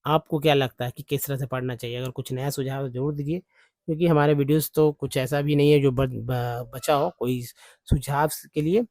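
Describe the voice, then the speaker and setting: A man teaching English reading, spelling words out slowly and repeating each one several times. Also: medium pitch, fairly even intonation, darkish tone, no echo, studio quality. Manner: slow, repeats words letter by letter. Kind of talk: spelling and pronunciation lesson.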